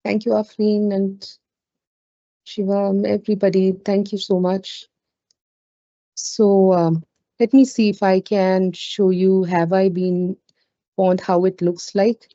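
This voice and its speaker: Female webinar trainer, Indian accent, mellow conversational delivery, roomy lo-fi call audio. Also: mid-range voice, little pitch movement, takes it slowly, pauses often. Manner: conversational, with frequent "you know" asides. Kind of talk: informal live webinar talk with audience questions. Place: indoors on an online webinar call.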